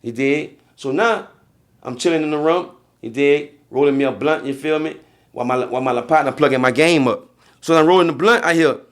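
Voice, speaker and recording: A young man with a New Orleans accent and a rather high voice tells a story fairly quickly as a podcast guest. He keeps it casual and streetwise, repeatedly asking "you feel me."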